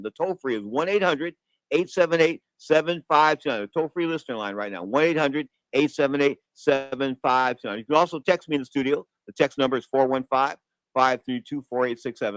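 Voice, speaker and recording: A man's voice: fairly high pitch, a bit bright, no room sound, rough recording. A man hosting boxing talk radio in a slangy, opinionated monologue. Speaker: radio sports show host. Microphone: close studio broadcast microphone.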